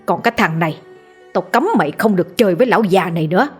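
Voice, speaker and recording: Woman putting on a shrill ranting old father. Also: quick pace, slightly rough, soft background music. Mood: angry scolding. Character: furious scolding old village father.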